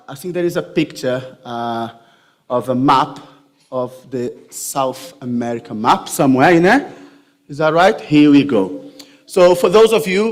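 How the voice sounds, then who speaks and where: A man gives a church sermon and talks at an unhurried, deliberate pace. His pitch sits in an ordinary middle range, and his manner is chatty and jokey as he speaks straight to the people in front of him. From Brazil. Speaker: pastor.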